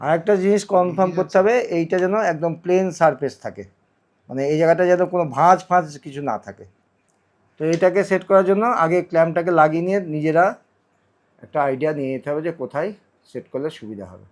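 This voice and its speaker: In a fairly high voice and at a fast clip, a man demonstrates installing a product for his vlog. The tutorial is casual and instructive, moving step by step with lots of repeated phrasing.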